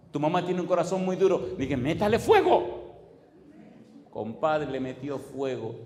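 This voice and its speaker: A pastor with a Dominican Spanish accent, preaching a sermon with fervent, rising exclamations and pointed rhetorical questions. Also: male voice, fairly high pitch, a little mellow, roomy sound, long reverb tail. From Dominican Republic.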